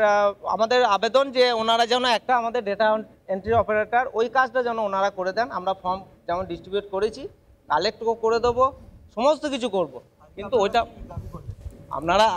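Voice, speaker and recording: Male interviewee, West Bengal Bengali accent, very high pitch, hesitant explanatory talk. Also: a bit bright. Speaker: booth-level election worker. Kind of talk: unscripted press interview.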